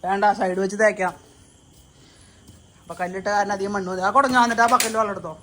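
A woman talks to her viewers in a relaxed home vlog, a bright voice with an edge to it. She chats and gives quick instructions to helpers in an outdoor yard, with faint noise behind her. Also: medium pitch. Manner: chatty, directing helpers while filming. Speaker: vlogger. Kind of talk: casual family vlog chat.

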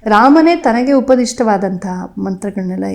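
A woman, explaining and retelling old tales in a measured way, with frequent pauses and fillers. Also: mid-range voice, lively intonation, darkish tone. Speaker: podcast guest speaker. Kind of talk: explanatory storytelling in conversation.

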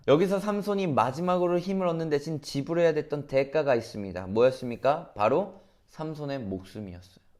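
A man's voice: mid-range voice, a little mellow. A man preaching as a youth pastor in an earnest sermon, often putting rhetorical questions to his listeners.

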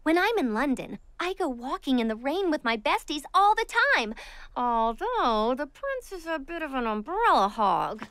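Sunny cartoon doll lady, upbeat and coaxing, super high voice, very animated. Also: normal speed, heavily acted. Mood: excited coaxing. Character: cheerful, encouraging young fashion-doll woman.

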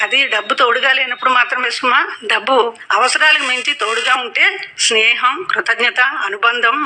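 A man reading a short story aloud for radio, steady and measured. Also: extremely high pitch, slight background noise, low-quality recording. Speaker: story reader.

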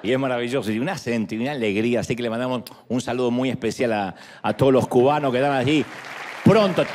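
A middle-aged Argentine man preaching a sermon as pastor, animated and playful. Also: medium pitch, quick pace, long reverb tail, slight background noise. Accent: Argentine Spanish. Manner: animated, playful, rising to calls to the crowd.

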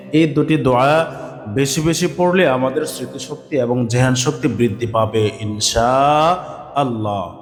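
A male Quran teacher drilling Arabic letters and vowel marks in a slow call-and-response lesson, asking questions and answering them himself. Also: medium pitch, roomy sound, in a large hall. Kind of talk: online Quran alphabet lesson.

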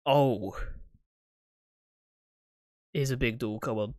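A man's voice: mid-range voice, slow, darkish tone, no room sound. A young man chats casually on a live stream. His manner is playful and full of banter, picked up by a close desk microphone. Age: young adult. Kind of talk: casual chat with stream viewers. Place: small home room.

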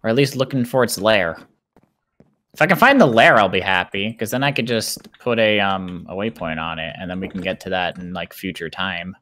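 A young man hosting a casual Minecraft let's play, excitable and quick to laugh, talking in fast bursts. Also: low-pitched. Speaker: gaming channel host.

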